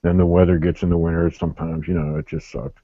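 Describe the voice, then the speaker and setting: A man's voice: low-pitched, level tone, quick pace, highs cut off. A middle-aged man chatting casually and telling anecdotes in a group. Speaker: motovlogger in a group hangout.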